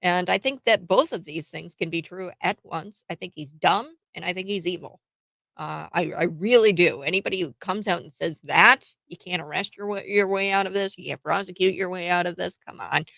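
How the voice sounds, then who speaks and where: A woman hosting a live morning radio talk show delivers opinionated commentary full of exclamations and rhetorical questions. Her voice is lower-pitched, gravelly and a bit bright, at a moderate pace, with no room sound.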